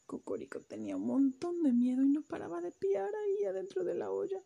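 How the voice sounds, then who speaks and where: A woman telling a children's story to a child, animated and full of sound effects. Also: very high-pitched, brisk, vocal fry, slight background noise.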